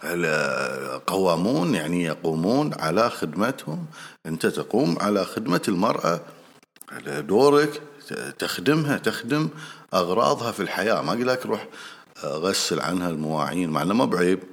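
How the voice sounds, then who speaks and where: A man with a Gulf Arabic accent talks in a casual advice monologue, his voice sitting fairly low. He speaks straight to the listener, repeats his points for emphasis and stops often on hesitant fillers. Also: very animated, fairly quick, vocal fry. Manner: earnest and repetitive, addresses listener directly. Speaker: speaker giving marriage advice.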